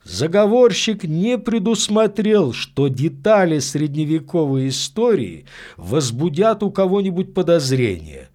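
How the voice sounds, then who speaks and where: An insightful priest in a spoken-word story, as a male reader plays him, laying out his reasoning like an official report. His voice lifts above the narration and moves animatedly, at an unhurried, deliberate pace. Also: on the high side, big pitch swings, a little mellow, pitched above the performer's own voice. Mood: earnest. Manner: earnest, explanatory, matter-of-fact. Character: calm, insightful middle-aged priest.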